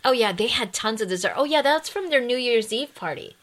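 A woman's voice: fairly high pitch, expressive, a little fast. A woman co-hosting a podcast in casual chat, jumping in to finish her partner's sentences. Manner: chatty, jumps in to finish his sentences. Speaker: podcast co-host.

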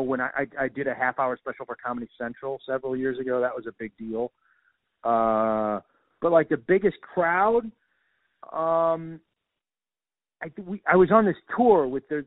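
Self-deprecating comedian on a tinny phone. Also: male voice, mid-range voice, no echo. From US Midwest. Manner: rambling, self-deprecating, many restarts. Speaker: stand-up comedian. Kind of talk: casual phone conversation. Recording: dry tinny phone line.

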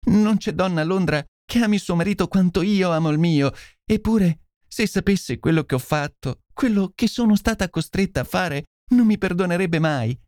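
A male reader puts on a young noblewoman in distress, her voice pitched high above his own. She begs and confesses in a breathless, imploring rush, and it is read close to the mic in a dry booth. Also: normal speed, darkish tone, dry recording, natural voice. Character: desperate noblewoman, young, pleading and tearful. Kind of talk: audiobook character voice.

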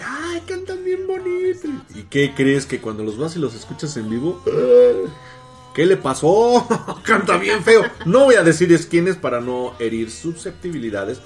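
A man co-hosts a casual podcast and chats playfully. His voice is a little high and very lively in pitch. Faint guitar music sits in the background. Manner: playful, chatty, animated. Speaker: podcast co-host. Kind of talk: casual chat.

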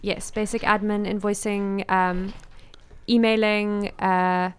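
A young woman with a South African accent talks as a guest in a casual interview. Her voice is smooth and clear at a middling pitch, and her manner is informal and easygoing in wording. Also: little pitch movement, takes it slowly. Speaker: interview guest, small business owner and designer.

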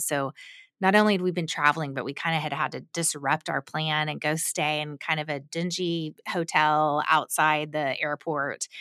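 A woman, hosting a podcast and telling a personal story in an animated, expressive way, acting out quoted lines. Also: low voice, no echo, studio quality. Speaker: podcast host. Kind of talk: storytelling monologue.

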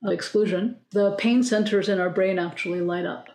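A woman speaking as a panelist, explaining her points with emphasis. Her voice sits in a middle pitch range, and the room adds a noticeable echo. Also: normal speed, darkish tone. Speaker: panelist, executive coach. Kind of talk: live panel discussion. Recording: roomy echo.

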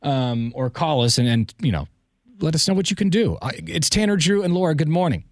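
A man's voice: a little high, animated, fairly quick, no echo, clean studio sound. A man hosting a morning radio show, joking and bantering in an upbeat way. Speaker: radio host. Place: radio studio. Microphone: studio mic.

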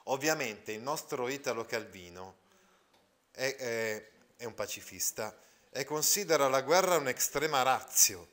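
A man's voice: mid-range voice, animated, unhurried, fairly bright tone. A man teaching a literature lesson, reading passages aloud and breaking off to explain, with many "eh" and "no?" tags and frequent self-corrections.

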